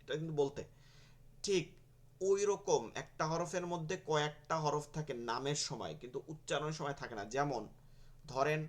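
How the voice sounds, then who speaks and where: Patient male teacher, a bit high-voiced, repeats each letter sound for students. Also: moderate pace. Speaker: Quran teacher. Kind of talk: online pronunciation lesson.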